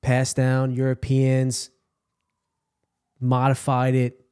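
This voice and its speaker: Mellow-voiced man musing on a podcast. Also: medium pitch, monotone, slow, clean tone. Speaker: podcast co-host. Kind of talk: casual chat.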